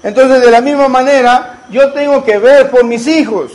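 A man's voice: extremely high pitch, steady tone, moderate pace, darkish tone, poor audio. A man, preaching a sermon as a pastor and asking the congregation rhetorical questions.

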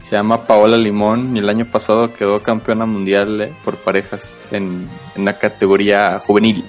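A man's voice: lowish voice, level tone, moderate pace, soft background music. A man with a Mexican accent co-hosting a live podcast, sharing gossip in a laid-back way. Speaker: podcast co-host. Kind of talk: casual live podcast banter.

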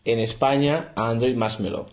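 A man's voice: medium pitch, steady tone, moderate pace, roomy sound, a little hiss or hum. A man from Spain co-hosting a podcast, teasing his co-host in mock-serious casual chat.

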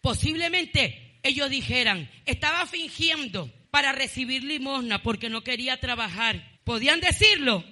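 A woman pastor delivers a fervent sermon in a bright, forceful voice. She punctuates her points with bursts of praise. At times she climbs into shouted emphasis. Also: sits high. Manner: fervent preaching, often repeating "gloria a Dios", with shouted bursts.

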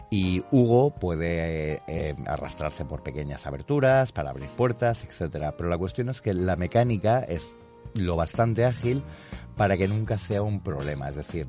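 A man's voice: low voice, a little mellow. A man from in casual, playful chat as a co-host of a video game show. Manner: chatty, playful, teasing. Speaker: podcast co-host.

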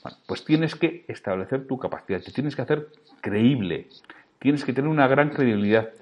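A man's voice: mid-range voice, moderate pace, highs cut off. A man with a Spanish accent hosting a solo podcast, speaking directly and emphatically to the listener as he teaches sales.

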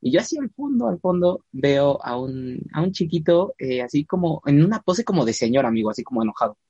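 A man's voice: fairly high pitch, slightly rough, no echo, dull audio. A man telling a church testimony in a casual chat, acting out the voices of people in his story. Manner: animated storyteller, acts out quoted voices, slows down for emphasis.

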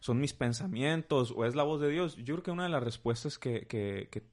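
Lively Mexican man teaching with examples. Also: medium pitch, normal speed. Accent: Mexican Spanish. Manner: animated, teaching with playful examples. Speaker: guest speaker.

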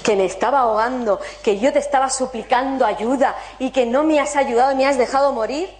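A woman voicing a desperate drowning man who begs God to save him, in a pleading, shrill voice. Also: a little fast, a little mellow, roomy sound, lightly acted. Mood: indignant.

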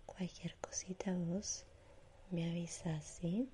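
A woman with a Rioplatense Spanish accent doing a whispered role-play as an ASMR spa attendant, in a soothing sleep-narrator manner with gentle repetition and diminutives. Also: fairly low pitch, fairly even intonation, slow pace, a little hiss or hum. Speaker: ASMR performer giving a pampering spa treatment.

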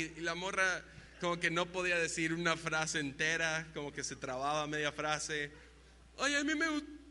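A young youth pastor with a high voice preaches a sermon, telling stories with shouted sound effects and mimicry. He's in a reverberant church hall where a faint hum can be heard.

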